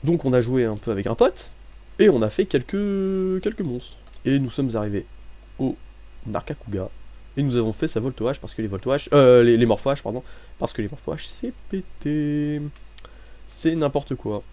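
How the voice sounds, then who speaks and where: A young French gaming commentator rambles through his gameplay, joking casually and making fun of himself as he plays. His voice is mellow and medium-pitched, and he talks fairly quickly.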